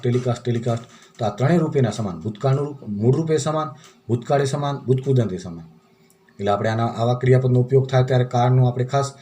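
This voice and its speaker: Gujarati-accented man as a patient schoolteacher, warm mellow tone, slight background hiss. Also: medium pitch. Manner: patient, repeats word forms and spells them out. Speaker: English teacher. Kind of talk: classroom-style lesson in Gujarati.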